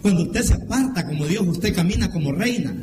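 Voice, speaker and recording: A man pastor preaching a sermon, emphatic and repetitive, addressing the congregation directly over steady background noise. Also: high-pitched, fairly quick, rough recording.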